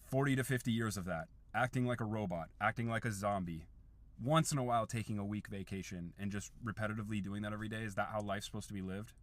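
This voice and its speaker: Fast-talking low-voiced man ranting. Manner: exasperated, rhetorical questions. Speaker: content creator. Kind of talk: casual rant to camera.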